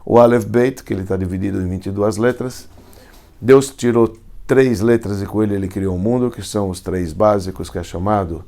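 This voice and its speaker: A man's voice: on the low side, normal speed, warm tone. A man, a rabbi teaching Hebrew letters in a class, explaining step by step and often asking if students follow. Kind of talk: classroom lecture.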